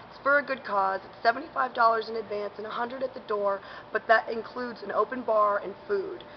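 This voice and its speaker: A woman's voice: mid-range voice, muffled recording, slight background noise. A woman hosting a casual local events vlog, talking in a chatty, upbeat way with lots of fillers, outdoors in a parking garage while chewing gum. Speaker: host.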